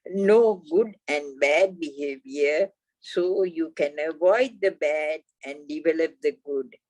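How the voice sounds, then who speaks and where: A woman reads Buddhist practice instructions at a very slow, careful pace. Her voice sits a little low, and the recording is dry and close. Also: a little mellow, dry recording, poor audio. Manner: slow, deliberate, measured reading. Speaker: Dhamma reader.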